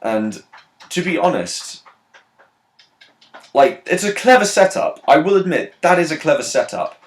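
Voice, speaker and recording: A man's voice: fairly high pitch, big pitch swings, measured pace. A man giving a blunt, profane, ranting film review in a casual vlog.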